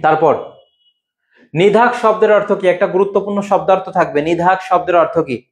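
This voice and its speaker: A man's voice: high voice, normal speed. A young man teaching an exam-prep lesson as a Bengali lecturer. He quizzes his students, repeats each answer and waits for their replies.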